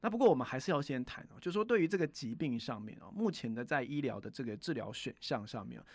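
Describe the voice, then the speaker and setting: A man explaining as a veterinarian to an interviewer, in a patient way, often letting his phrases trail off softly. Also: mid-range voice, lively intonation, fast, husky, dry recording. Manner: patient explainer, sentences trailing off with soft particles.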